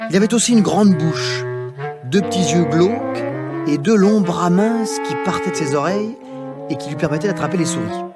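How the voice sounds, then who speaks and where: A man narrating a children's storybook in a slow, expressive, theatrical way. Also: high voice. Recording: music playing behind.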